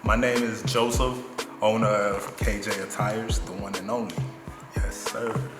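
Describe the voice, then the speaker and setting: A man from Nigeria, a clothing brand owner, talking in a casual interview in a relaxed, thoughtful way, with plenty of fillers. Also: lowish voice, unhurried. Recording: echoey room with long reverb and music behind.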